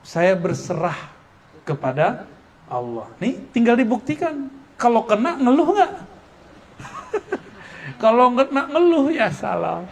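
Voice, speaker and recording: High-voiced joking Islamic preacher, man. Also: takes it slowly, vocal fry, long pauses, a little hiss or hum. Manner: lively, joking, laughs often. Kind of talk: religious study lecture. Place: Islamic boarding school gathering.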